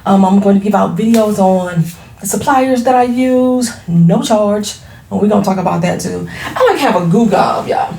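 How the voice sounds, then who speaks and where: A Floridian woman in her forties who owns a small business chats frankly to the camera from her home, with products on shelves behind her. She laughs easily and uses casual slang. Her medium-pitched voice is gravelly and warm, at a normal speed, and the room sounds reverberant.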